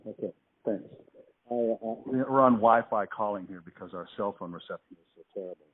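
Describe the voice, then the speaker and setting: A man's voice: fairly low pitch, fairly quick. A man talking on a phone call, laid-back and hesitant, with a patchy, cutting-out line. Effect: heard over a phone line. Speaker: artist taking a phone call.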